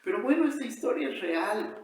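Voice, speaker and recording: A pastor preaching a sermon with emphatic, drawn-out phrasing and frequent tag questions. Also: male voice, extremely high pitch, animated, darkish tone. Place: church. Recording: echoey church hall.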